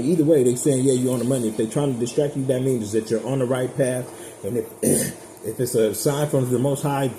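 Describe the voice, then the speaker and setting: A man giving a casual tarot reading straight to his viewers, chatty, blunt and profane. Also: medium pitch. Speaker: tarot reader. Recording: echoey room with background noise.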